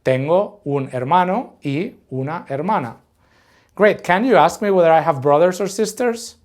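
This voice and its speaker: A man from Madrid, teaching a lesson and saying model phrases slowly for learners to repeat. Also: on the high side, lively intonation. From Madrid, Spain. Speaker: language teacher. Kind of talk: scripted language lesson.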